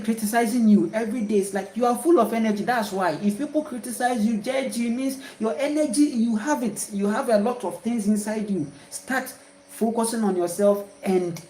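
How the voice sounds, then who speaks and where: Her voice is a little high and mellow as this woman, who has a Ghanaian accent, rambles through spiritual remarks, saying things again and again with emphatic exclamations. The low-quality recording is roomy with a bit of hiss or hum.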